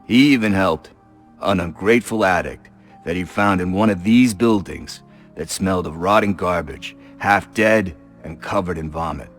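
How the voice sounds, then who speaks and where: An actor playing a gruff, middle-aged veteran police officer in a video game, lecturing in a stern, fatherly way. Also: low-pitched, takes it slowly, long pauses, faint music behind, heavily acted. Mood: forceful.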